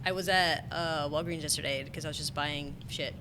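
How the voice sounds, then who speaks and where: A woman's voice: low voice, fairly even intonation, fairly quick, noisy background. A woman in her twenties hosting a casual podcast, chatty, who laughs often and fills her talk with "like". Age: 20s. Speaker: podcast host. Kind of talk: casual chat. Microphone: podcast mic, sitting a little far from it.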